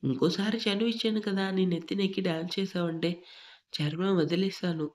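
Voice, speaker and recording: A woman's voice: lowish voice, steady tone, a little fast, darkish tone, close to an everyday voice. Woman reading as a harsh young husband. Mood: harsh, threatening. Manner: harsh, threatening. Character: short-tempered possessive young husband.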